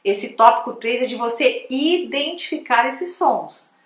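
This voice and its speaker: A woman's voice: on the high side, lively intonation, unhurried, echoey room. A woman from Brazil teaching English pronunciation in a chatty video lesson, exaggerating the sounds to demonstrate them.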